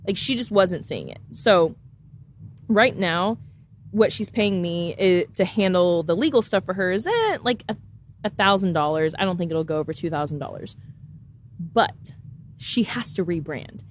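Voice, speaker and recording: Woman, podcast guest, animated storyteller, acts out dialogue, faint background noise. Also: on the low side, normal speed. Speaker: guest, business lawyer.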